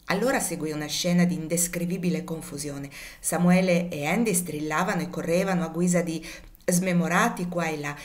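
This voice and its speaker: A woman narrating a classic novel as an audiobook reader, expressive and measured. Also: lowish voice.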